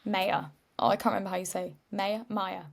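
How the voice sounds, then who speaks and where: A woman's voice: medium pitch, flat delivery, very fast, vocal fry. A woman hosting a podcast, chatty and rambling, tired, laughing often. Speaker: podcast host. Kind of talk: casual chat.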